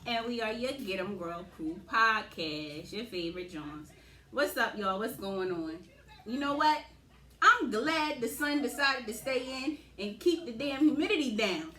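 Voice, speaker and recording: A woman co-hosts a loose, laughing podcast chat, tossing in slang and "you know what I'm saying" as she goes. Her voice is bright and sits a little high. The room around her sounds echoey. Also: animated, measured pace. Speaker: podcast co-host.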